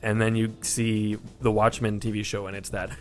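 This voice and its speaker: A man's voice: lowish voice, flat delivery, moderate pace. A man hosting a casual movie podcast, joking and riffing as he talks. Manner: joking, riffs into impressions. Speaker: podcast host.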